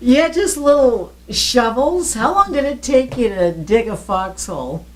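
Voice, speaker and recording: A woman's voice: fairly high pitch, lively intonation, measured pace. A woman conducting a conversational oral history interview, attentive, with murmured acknowledgements and follow-up questions.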